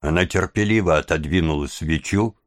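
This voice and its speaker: A man reading an audiobook as narrator, with a measured, even storytelling delivery on a close studio mic. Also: a bass voice, no room sound. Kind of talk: scripted narration.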